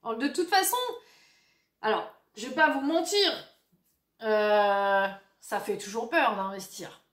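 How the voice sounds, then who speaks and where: A woman's voice: on the high side, measured pace, fairly bright tone. A woman giving a casual tarot reading for her viewers, chatty and hesitant, with many fillers and asides. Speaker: tarot card reader. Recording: roomy echo.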